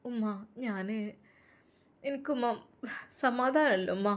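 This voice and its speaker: A woman's voice: fairly high pitch, slow. A woman voicing an anxious, timid young woman in a dramatized story reading, with a hesitant, pleading way of speaking. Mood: worried.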